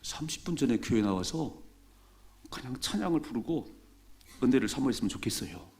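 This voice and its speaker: Animated man preaching a revival sermon. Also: mid-range voice, a little fast. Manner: dramatic, acts out the voices of people in the story; exhorting the congregation, calls for amens. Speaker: pastor.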